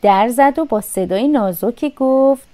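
A woman narrating a children's fairy tale with expressive, sing-song storytelling. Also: a little high, slight background noise.

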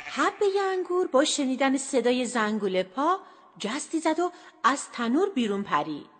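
Woman storyteller, bright-pitched and animated, music underneath. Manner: lively, expressive narration. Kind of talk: children's story narration.

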